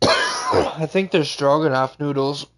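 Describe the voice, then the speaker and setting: A man's voice: a little high, huge pitch swings, slow, heavy background noise. A man chatting casually with a friend, swearing easily and drawling his words. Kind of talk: casual chat.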